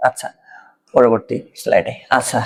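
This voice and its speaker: In a steady, husky mid-range voice with vocal fry, a Bangladeshi Bengali-accented man delivers an exam-prep grammar lesson at normal speed. He explains step by step and keeps checking that the learner is keeping up.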